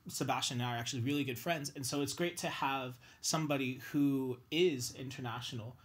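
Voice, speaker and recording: A man hosting a casual panel chat with students, upbeat and quick to laugh. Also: medium pitch. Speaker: host.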